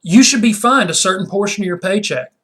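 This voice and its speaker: A man's voice: sits high, expressive, brisk, a bit bright, breathy edge. A man ranting indignantly in a vlog as a sports fan, often repeating his words. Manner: repeats words while talking.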